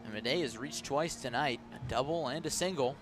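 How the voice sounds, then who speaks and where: Over music, a male announcer with a medium-pitched voice calls a live baseball game on radio at a fairly quick pace, describing each play and raising his voice on the action. Outdoor ambient noise from the ballpark is also audible.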